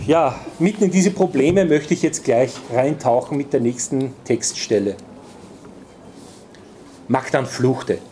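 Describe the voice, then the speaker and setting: A man, an author, reading his fantasy story aloud at a live bookshop reading, measured and calm. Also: medium pitch, slight background noise. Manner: measured, calm, deliberate narration. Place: bookshop reading event, indoors.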